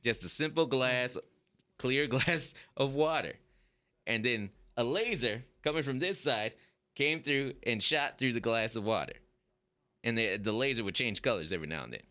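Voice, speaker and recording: A man hosting a podcast, telling a story in a casual, animated way, laughing often and putting on whispers as he goes. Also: mid-range voice, moderate pace. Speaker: podcast host.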